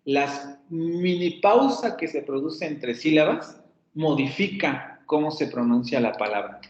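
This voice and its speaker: A man's voice: fairly high pitch, animated, unhurried. A male university teacher with a Mexican Spanish accent, explaining phonetics in a classroom lecture, repeating example words and correcting himself. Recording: roomy, dull lo-fi classroom recording.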